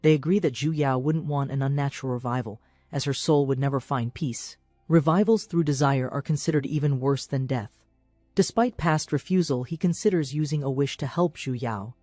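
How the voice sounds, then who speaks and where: A man narrating a story recap in an even, summarizing scripted style. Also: medium pitch, normal speed, no room sound. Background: faint background music.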